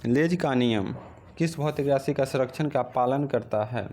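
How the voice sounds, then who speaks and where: Recorded on a phone, a man of medium pitch leads an exam practice lesson at normal speed. He reads each question aloud, then gives the answer in a steady drilling rhythm.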